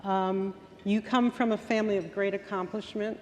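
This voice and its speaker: A woman's voice: mid-range voice, fairly even intonation, moderate pace, a little mellow. A woman interviewing a guest on stage, introducing topics with enthusiasm. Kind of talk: onstage interview. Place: large event hall. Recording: long hall reverb, faint room noise.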